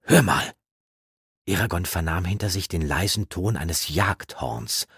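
A man narrating a fantasy audiobook in a measured, dramatic reading. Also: sits low, fairly bright tone, breathy edge, no echo, studio quality.

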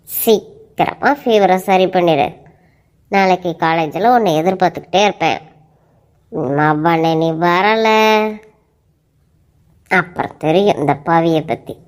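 A woman's voice: on the low side, unhurried, pauses often. A woman voicing a young college woman in love, who scolds and mock-threatens her boyfriend in a cartoon. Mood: teasing. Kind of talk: cartoon voice acting.

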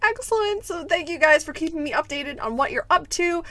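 Bright, high-voiced young woman. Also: expressive, brisk. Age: young adult. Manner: giggly, enthusiastic. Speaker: host of a video game play-through. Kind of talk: casual gameplay commentary.

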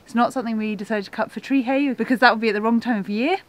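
A young woman hosting a farm vlog, talking in a relaxed, thoughtful way with plenty of fillers, filmed outdoors and in a goat shed. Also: on the high side, very fast. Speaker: farmer and vlog host.

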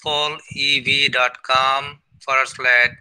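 A man's voice: mid-range voice, level tone, slow, sharp tone, clean tone, rough recording. A man leading an online student meeting over a video call, encouraging and full of fillers and restarts. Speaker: meeting leader and mentor.

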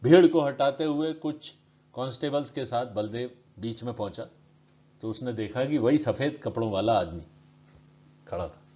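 A man reading his own story aloud in steady, measured narration. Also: mid-range voice. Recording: dull lo-fi recording.

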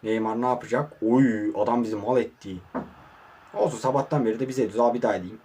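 With a quick pace and a breathy edge, a young man commentates on his own online football game, addressing the players on screen and shifting from low muttering to excited shouts.

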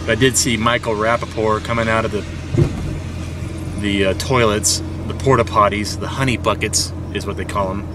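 A man's voice: on the low side, fairly even intonation, normal speed, recorded from a distance, background noise. A man rambling casually about his day while driving, laid-back and swearing freely, in a car on a town street. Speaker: vlogger. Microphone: handheld music player camera. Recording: voice from the mic, loud music over it.

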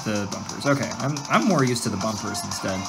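Game music plays behind a gameplay host whose very deep, gravelly voice runs a little fast. Her let's-play commentary is casual and giggly, full of exclamations and easy distractions.

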